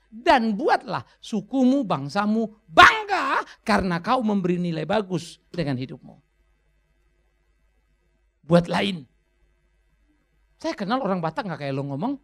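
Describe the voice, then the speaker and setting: A man preaching a sermon as a pastor, animated and playful, acting out voices and dropping in English phrases. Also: high-pitched, vocal fry. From Indonesia.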